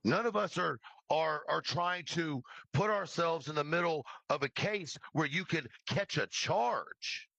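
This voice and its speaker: With vocal fry and hardly any pauses, a man whose voice is on the high side, pushed and bright, rants unhurriedly at an absent person, scolding them with free swearing and emphatic repeated phrases. He creates true crime livestreams. The audio is poor, with no room sound.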